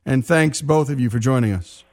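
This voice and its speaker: A man hosting a radio talk show, introducing guests in a brisk, conversational, emphatic way. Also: mid-range voice, darkish tone. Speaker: radio host.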